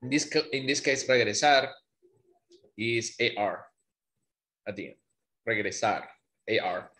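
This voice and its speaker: A man's voice: fairly low pitch, expressive, moderate pace, pushed and bright. A man tutoring online, playful and teasing, with mock-dramatic complaints. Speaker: Spanish tutor. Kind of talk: online language lesson.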